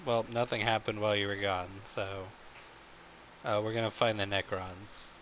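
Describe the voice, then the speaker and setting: A man's voice: fairly low pitch, steady tone, moderate pace, fairly bright tone. A man playing in a tabletop game, speaking in a dry, matter-of-fact way. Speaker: player. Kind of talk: tabletop role-play chat. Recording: dull mic with clear hiss.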